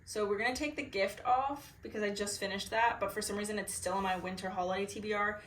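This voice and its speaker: A young woman with a drawl chats about her reading in a bubbly, filler-heavy way. Her voice is bright and clear, and the room behind it rings with echo. She talks at an even middle pitch. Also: fast, a little hiss or hum. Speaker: book vlogger. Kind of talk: chatty reaction vlog.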